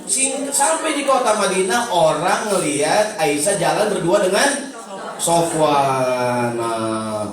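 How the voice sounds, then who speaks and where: A man's voice: fairly high pitch, slow, crowd noise. A man preaching, telling stories with jokes and acted-out dialogue. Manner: animated, joking, acts out dialogue. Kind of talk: humorous sermon storytelling. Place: large conference hall. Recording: echoey hall from far off.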